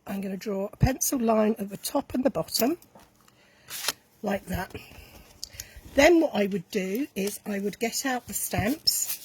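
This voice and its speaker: Croaky-voiced woman demonstrating a craft. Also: medium pitch, a little mellow, a little hiss or hum. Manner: chatty, self-correcting, talks while working with hands. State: slightly croaky voice. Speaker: craft tutorial host. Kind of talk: casual step-by-step craft demonstration.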